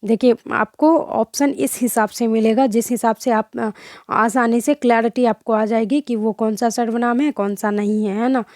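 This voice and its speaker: A woman's voice: on the high side, steady tone, normal speed, few pauses, darkish tone, no echo, clean studio sound. A young woman teaching an online grammar lesson, who keeps asking rhetorical questions and correcting herself as she goes.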